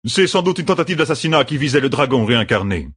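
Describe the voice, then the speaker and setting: Stern menacing noble lord, formal and low, man reading it, husky dry voice. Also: sing-song, fast talker, a bit bright, no echo. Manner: low, threatening courtly tone. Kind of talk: audiobook narration.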